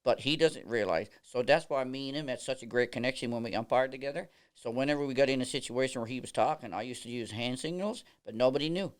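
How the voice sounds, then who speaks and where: A baseball umpire appears as a podcast guest, telling stories in a casual chat with a medium-pitched, clean-toned voice. He talks quickly with few pauses, an animated storyteller who laughs through his anecdotes and uses many fillers.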